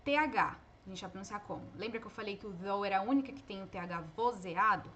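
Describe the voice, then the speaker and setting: A woman's voice: mid-range voice, a bit bright, slight background noise. Patient woman teaching pronunciation live. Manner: patient, explains slowly and models words aloud. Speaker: English teacher. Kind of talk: live online pronunciation lesson.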